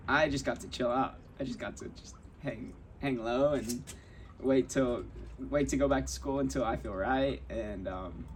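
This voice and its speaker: A young man hosting a podcast, telling a personal story in a candid, rambling way with many restarts and acted-out quotes. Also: medium pitch. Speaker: podcast host. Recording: voice slightly off-mic with faint ambient noise.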